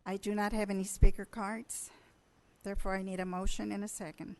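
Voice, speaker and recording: A woman mayor chairing a council meeting, hoarse and losing her voice, halting with fillers and throat clearing. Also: medium pitch, flat delivery, darkish tone, rough recording.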